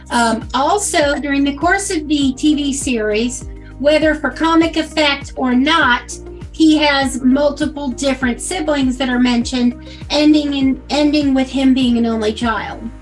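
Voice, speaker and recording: High-voiced woman in casual podcast chat. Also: fairly bright tone. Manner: chatty, reads from notes with many fillers. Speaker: podcast co-host.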